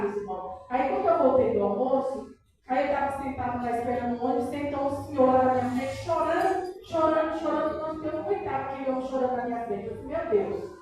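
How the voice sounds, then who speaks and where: A middle-aged Brazilian woman tells her testimony with fervent emotion and often breaks in with praise. Her voice is high but mellow. It rings through a very echoey church hall, heard from a distance. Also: a little hiss or hum. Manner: emotional, peppered with praise interjections. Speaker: church member giving testimony.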